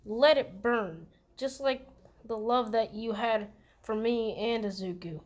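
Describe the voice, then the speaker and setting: A protective mother speaks firmly and indignantly, as a woman plays her. Her voice sits a little high and the pace is unhurried. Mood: defiant. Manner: firm and indignant.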